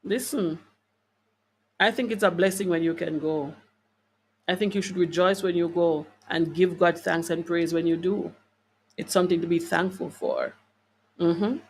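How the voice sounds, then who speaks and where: A gravelly, darkish, low-leaning female voice comes through poor audio with slight background noise, animated at a moderate pace with long pauses. She hosts a live wellness talk for online viewers, reading comments, and preaches emphatically, repeating phrases and tossing out rhetorical questions conversationally.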